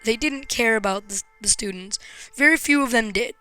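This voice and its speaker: Girl with a bright clear voice telling her life story, halting, blunt, swears, soft music behind. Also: fairly high pitch. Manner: frank and raw, hesitant pauses, swears when upset. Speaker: vlogger. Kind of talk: personal storytelling to camera.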